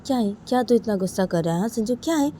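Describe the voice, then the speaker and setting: A woman's voice: on the low side, steady tone, moderate pace, dark tone, slight background noise, lightly acted. A woman voicing a young man who chides his cousin for losing his temper, with repeated questions. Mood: chiding.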